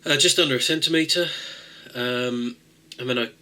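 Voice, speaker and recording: Nasal from a cold, this male tech host walks his audience through a fix at normal speed, his medium-pitched voice pushed and bright. The how-to chat is loose and rambling, with plenty of fillers and false starts.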